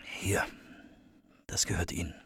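A man voicing a guarded, deadpan young ex-convict in an audiobook, speaking low and subdued. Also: a little slow, no room sound, in a whisper, clean studio sound. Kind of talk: audiobook character voice.

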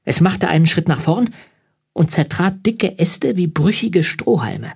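Husky male audiobook narrator. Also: high voice, big pitch swings, darkish tone. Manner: measured, tense storytelling. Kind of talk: scripted narration.

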